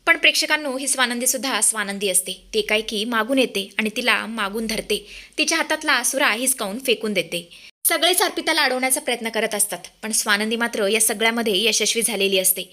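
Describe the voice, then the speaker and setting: A woman tells a TV serial's plot as a dramatic recap, calling out to her viewers as she goes. Her voice is bright and fairly high, lively and engaging. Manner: addresses viewers directly, lively.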